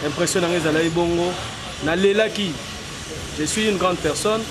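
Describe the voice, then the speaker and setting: A man's voice: high-pitched, normal speed. A man in his forties, giving an earnest street interview and building to emphatic, rhetorical declarations. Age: 40s. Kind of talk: street interview, mixing French and Lingala. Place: outdoors on a city street. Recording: noisy street with passing traffic.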